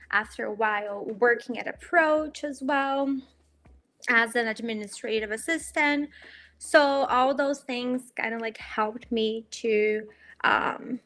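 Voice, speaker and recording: Her voice on the high side and sharp in tone, a woman in her twenties from Brazil recounts her story as a student guest in a relaxed interview. She has a Brazilian Portuguese accent and stays cheerful, dropping frequent ums and light laughs.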